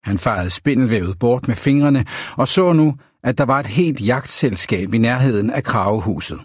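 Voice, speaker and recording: A man reading a novel aloud as an audiobook narrator, in a measured, even storytelling manner. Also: mid-range voice, breathy edge, dry recording, clean studio sound.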